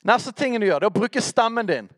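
A man giving a conversational teaching sermon, with a high voice that swings widely in pitch. He talks directly to his listeners and keeps checking in with them through short questions. The sound is close and dry, with no room around it. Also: lively intonation, a bit bright, no echo. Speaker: preacher teaching on worship.

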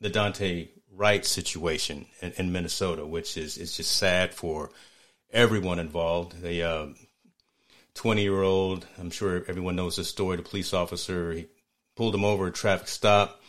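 Low-voiced guy on a sports podcast, measured, thinks out loud, restarts a lot. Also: steady tone. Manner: thoughtful, measured, restarts phrases. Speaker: podcast co-host. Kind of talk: casual sports talk.

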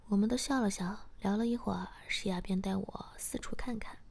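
A woman narrating a story in the first person, reading in a soft, half-whispered manner. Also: mid-range voice, fairly quick, vocal fry. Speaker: story reader.

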